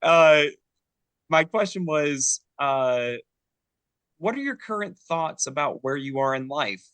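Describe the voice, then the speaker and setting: A man serving as game master for a tabletop game, quizzing his players in a playful way. His pitch swings widely and stays animated. The sound is dry and close, with little room echo. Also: slow, clear, resonant tone.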